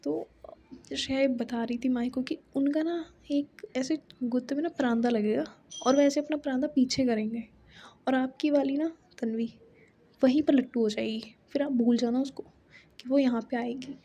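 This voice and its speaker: A woman's voice: high voice, normal speed, warm tone, slight background noise. A young woman telling a love story in a chatty, casual way, dropping in English filler words.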